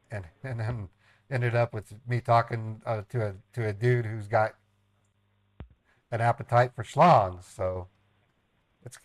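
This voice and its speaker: A man with a fairly low voice, recorded dry, chats casually as a caller. His delivery is halting and plain, with repeated starts and a naive air. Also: fairly bright tone, no room sound. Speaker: prank caller baiting a phone scammer. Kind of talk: casual phone chat.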